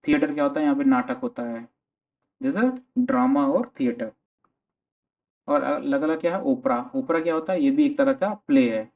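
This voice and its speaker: A male teacher with an Indian English accent delivers a vocabulary lecture that mixes Hindi and English, posing questions and then answering them himself. His voice sits at medium pitch with a moderate pace, and the sound is tinny, like a phone.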